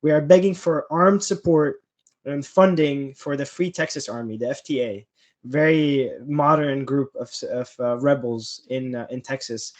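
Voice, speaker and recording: A man's voice: mid-range voice, normal speed. A man hosting a casual political podcast chat, speaking sarcastically and chuckling mid-sentence.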